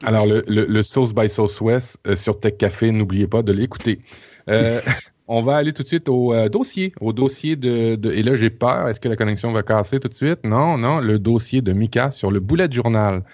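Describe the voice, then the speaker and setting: A man's voice: mid-range voice, animated, normal speed, a little mellow, no echo, muffled recording. A man with a Québécois accent hosting a casual podcast chat, joking and laughing often between hesitations. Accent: Québécois French. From Quebec. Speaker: podcast host.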